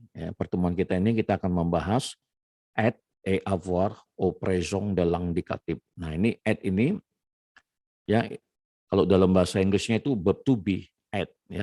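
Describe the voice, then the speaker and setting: A man teaching a relaxed classroom lesson, explaining step by step and dropping frequent "ya" and "nah" fillers. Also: low voice, dry recording, studio quality. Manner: explains slowly, peppers phrases with "ya" and "nah". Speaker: French teacher.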